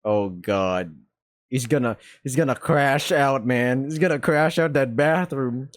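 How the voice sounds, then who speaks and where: A man casually commenting while he plays a visual novel, dropping animated, slangy asides. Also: medium pitch, unhurried, no echo, clean studio sound. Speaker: gamer playing a visual novel. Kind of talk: casual gameplay commentary with reading aloud.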